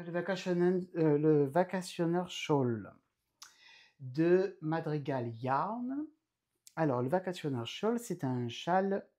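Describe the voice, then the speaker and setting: Male podcast host with a mellow voice, talking casually and loosely indoors at home. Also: mid-range voice. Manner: chatty and rambling, with frequent hesitations. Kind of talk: casual chat.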